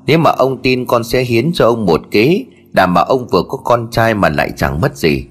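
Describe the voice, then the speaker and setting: A man voicing a sly, fawning male servant who keeps flattering his master in a storybook tale. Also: medium pitch, normal speed, husky. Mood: wheedling. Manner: wheedling, deferential.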